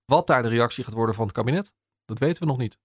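A man's voice: medium pitch, rapid-fire, dry recording, studio quality. A man being interviewed as the journalist behind an article. He talks conversationally and hesitantly, often restarting and using fillers. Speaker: journalist discussing his article.

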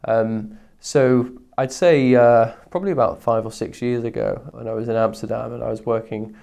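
A man's voice: mid-range voice, steady tone, moderate pace, gravelly, warm tone. A man answering interview questions conversationally as a guest, hesitant and often repeating words as he searches for phrasing.

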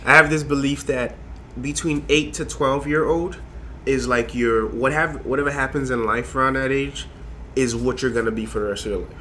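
A man's voice: mid-range voice, fairly even intonation, moderate pace, few pauses, sharp tone, slight background noise. A young man from Haiti, a design lecturer, talking as a guest in a casual interview, rambling with many fillers and restarts.

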